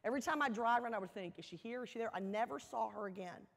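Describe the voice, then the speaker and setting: Her voice is fairly high yet gravelly as she speaks to an audience in a big, echoing indoor hall, a motivational speaker at a university welcome event. She recounts her story with earnest emphasis, stressing key words, using repetition, and letting dramatic pauses land.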